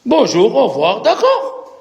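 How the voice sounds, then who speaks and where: A man's voice: very high-pitched, huge pitch swings, a little mellow, dull audio, pitched above the performer's own voice, heavily acted. A man putting on a nosy gossiping woman. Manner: prying rapid-fire questions.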